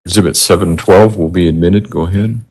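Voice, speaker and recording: A man with a husky voice presiding as judge, giving brief procedural directions in court. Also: low voice, steady tone, fairly quick, darkish tone.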